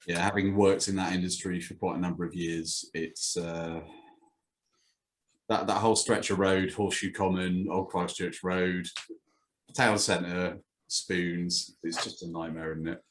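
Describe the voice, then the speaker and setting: A man's voice: sits low, steady tone, measured pace, fairly bright tone. A man hosting a casual comedy chat, telling stories and asking questions in a dry, wry way. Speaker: podcast host.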